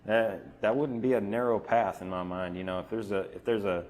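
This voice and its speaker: Halting low-voiced man preaching. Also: fairly even intonation, darkish tone. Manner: halting, many restarts and fillers. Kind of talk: informal sermon. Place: church.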